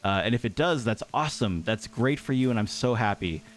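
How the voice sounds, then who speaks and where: A man's voice: medium pitch, lively intonation, fairly quick. A young man giving thoughtful, rambling advice in a casual talk over gameplay, with many fillers and restarts. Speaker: gaming YouTuber.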